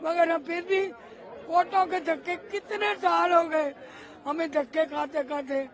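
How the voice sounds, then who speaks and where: Impassioned older woman, very high voice. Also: steady tone, unhurried, some chatter behind. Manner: impassioned, calls the reporter beta. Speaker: riot victim's widow. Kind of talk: street interview testimony.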